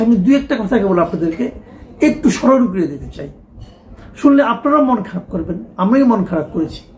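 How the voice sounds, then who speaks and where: A man's voice: sits high, darkish tone, slight background noise. A middle-aged man, giving a talk show political commentary with emphatic rhetorical questions.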